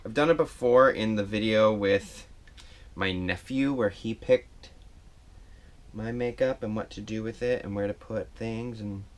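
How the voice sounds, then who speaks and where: A man's voice: lowish voice, unhurried. A man chatting casually through a makeup tutorial at home, rambling and self-deprecating, recorded on an action camera. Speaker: makeup vlogger.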